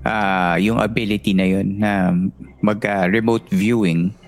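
Male host, very deep, gravelly, short prompting questions. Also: fairly even intonation, a little slow. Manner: low-key, short prompting questions, mixes Tagalog and English. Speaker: podcast host. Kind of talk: casual interview. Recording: dull lo-fi audio with faint noise.

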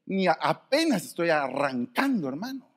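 A man preaching a sermon. His voice sits a little high and swoops widely in pitch. He drops to near-whispers, then bursts out loud. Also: moderate pace. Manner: animated, swinging from soft to shouted.

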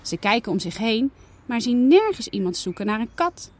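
A woman storyteller reading a children's animal story aloud in a lively, expressive way. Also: fairly high pitch, normal speed.

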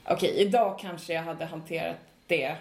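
A woman chatting casually as a podcast co-host, listening attentively, asking questions and agreeing quickly. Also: fairly low pitch, steady tone. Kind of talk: casual chat. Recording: echoey room.

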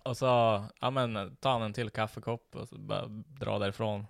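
A man's voice: on the low side, steady tone, creaky, no room sound, studio quality. A man telling a story in casual chat, full of slang and frequent laughter.

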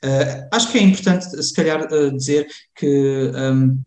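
Man, slightly high-pitched, interview guest, halting and self-correcting, conversational, echoey room sound. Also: a little mellow. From Germany, of Portuguese family. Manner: hesitant, halting, self-correcting, often restarting. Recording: roomy, echoing sound.

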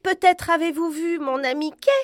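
A woman voicing a brave little girl in a storybook, speaking in a high, earnest voice. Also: moderate pace. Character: brave little girl searching for her friend.

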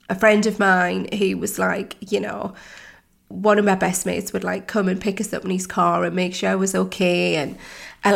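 A woman's voice: mid-range voice, gravelly. A woman in her thirties, a life coach hosting a podcast, telling her own story in a candid, reflective way with many fillers and restarts.

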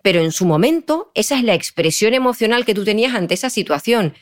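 Woman, psychologist guest; mid-pitched, expressive, explanatory. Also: fast talker. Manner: explanatory, expressive, checks in with "vale". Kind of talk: podcast interview conversation.

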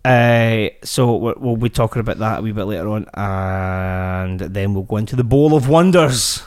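A man's voice: lowish voice, flat delivery, moderate pace, clean tone. A man with a Glaswegian accent, co-hosting a casual parenting podcast and joking around. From Scotland. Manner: jokey, puts on silly accents, laughs often. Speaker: podcast co-host. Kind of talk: casual chat.

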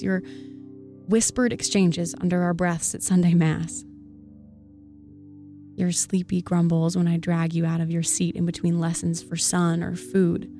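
A woman giving an earnest spoken-word poetry reading in a soft, intimate voice. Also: fairly low pitch. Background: faint background music.

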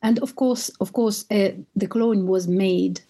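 A Russian woman with a Russian accent appears as a podcast guest, describing her perfume tours in a conversational interview. Her medium-pitched voice is mellow and unhurried, and she tells stories enthusiastically with an occasional restart.

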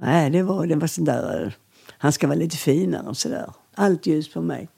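Deep, gravelly and husky, the voice belongs to an older woman from southern Sweden's Skåne region. Being interviewed as a singer, she drifts from one lively anecdote to the next, chatting freely and laughing often.

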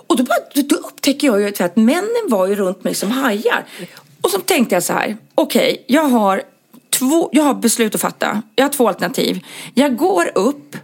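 A woman telling a comic, self-mocking story in casual chat, lively and full of fillers. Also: on the high side, breathy edge. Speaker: podcast co-host telling stories.

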